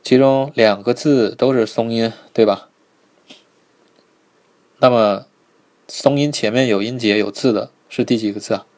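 A man teaching a live online pronunciation lesson, patiently repeating each sound slowly and checking in with his students. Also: mid-range voice, steady tone, a little mellow. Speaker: Korean language teacher.

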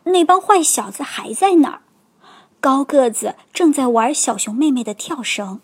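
A woman reading a children's storybook aloud, slow and expressive. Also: sits high. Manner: slow, expressive, clearly paced.

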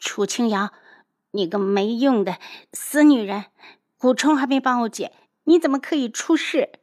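A woman voicing a pretty, hot-tempered young man who shouts his insults in a high, agitated voice. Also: normal speed, lightly acted. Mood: angry.

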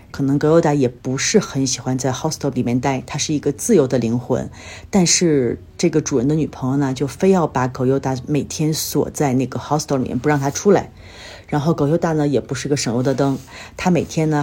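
Her voice is extremely low, warm, and a little breathy as this Chinese podcast host tells everyday stories in a chatty solo monologue about her life. She sounds somewhat tired and under the weather.

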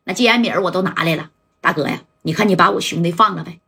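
A young male boss , as a woman narrator puts him on, dropping her bright voice lower and talking in a steady, coaxing way. A husky grain stays under it. Told as a spoken storybook figure. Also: fast, exaggerated voice. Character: cool young male boss, smooth negotiator.

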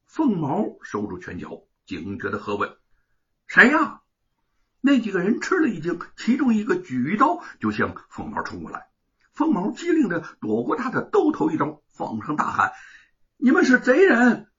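A male storyteller narrating a traditional oral tale in a dramatic, animated way. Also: on the high side, moderate pace, slightly rough, dull audio.

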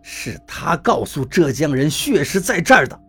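A man voicing a stubborn young man who speaks slowly, coldly and curtly. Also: a little high, sing-song, a bit bright, husky, faint music behind, heavily acted. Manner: slow, cold, curt.

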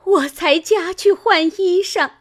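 A woman voicing a fierce, jealous young noblewoman in a dramatized novel reading, with shrill, sobbing, rapid scolding. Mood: wailing.

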